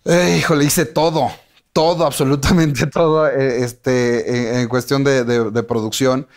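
Un hombre con acento mexicano que cuenta su carrera en una entrevista, con muchas pausas y reinicios. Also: male voice, mid-range voice, fairly even intonation. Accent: Mexican Spanish. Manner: rambling, many restarts and fillers. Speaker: interview guest, TV personality. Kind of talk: casual interview chat.

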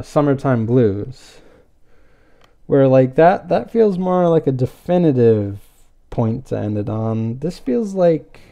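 A podcast host with a mellow, mid-range voice and some vocal fry casually reviews an episode. He rambles and hesitates but sounds enthusiastic throughout.

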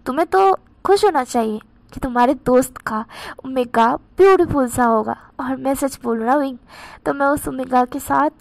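Protective, teasing young man, read by a woman in a fan-fiction retelling; light, fairly high tone. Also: normal speed, creaky. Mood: gentle. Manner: gently teasing, questioning.

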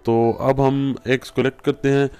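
At an indoor work table, a Pakistani man walks through a farming tutorial step by step with patience, the way a home how-to lesson goes. His medium-pitched voice barely rises or falls, moves at a normal speed, and has a slightly mellow quality, with faint music in the background.

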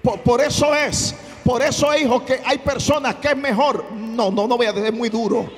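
A man preaching a sermon as pastor, fervent, often breaking into shouts and repeating his phrases. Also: extremely high pitch, steady tone, moderate pace, big-room sound, faint music behind.

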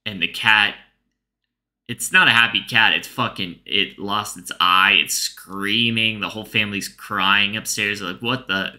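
A man telling a comedic story in a casual, rambling way, full of fillers and swearing, delivered deadpan. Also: fairly low pitch, a little slow.

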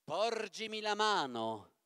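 A man doing a shrill, menacing old witch. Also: very animated, slow pace, sharp tone, smooth, no room sound, studio quality, exaggerated voice.

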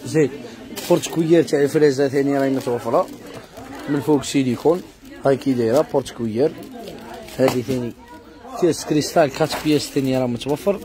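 A man with an Algerian Arabic accent doing rapid sales patter in a housewares shop, calling out prices and speaking straight to customers. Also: mid-range voice, a crowd in the background. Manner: calls out prices and addresses customers directly. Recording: crowded shop noise.

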